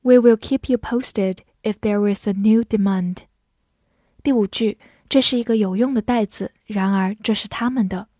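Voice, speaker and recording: A woman's voice: mid-range voice, fairly even intonation, normal speed, dark tone, no echo, clean studio sound. A woman teaching English vocabulary, saying each word twice and then giving its meanings, in scripted lesson narration.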